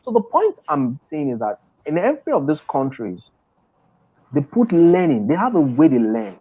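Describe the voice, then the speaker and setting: With huge pitch swings in a slightly high, husky voice, this middle-aged Nigerian guest, a trader and mentor, speaks at a normal speed and with emphasis, frequently restarting. He's on a video call interview via an earphone headset, sitting in an office chair in an indoor room. The audio comes through dull and lo-fi.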